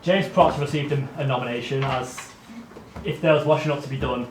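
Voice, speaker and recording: A man's voice: medium pitch, fairly even intonation, a little fast. A man presenting awards to his friends, reading the nominations with dry, crude quips. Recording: echoey room from far off with noise.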